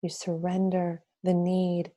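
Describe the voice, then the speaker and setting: A woman leading a guided meditation in a soothing, reverent, goddess-like manner, softly and with a hushed delivery. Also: fairly low pitch, completely flat delivery, takes it slowly. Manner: soft, breathy, hushed, drifting at times toward a whisper.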